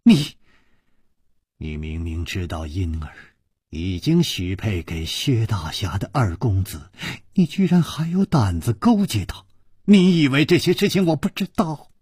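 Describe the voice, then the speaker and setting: An icy, fierce middle-aged noblewoman, voiced by a male storyteller, her threats come out low, hushed and cold. Her scorn stays hard and menacing all through, and the sound is dry with a slightly husky edge. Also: lively intonation, slow pace, long pauses, no room sound, full character voice. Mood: furious.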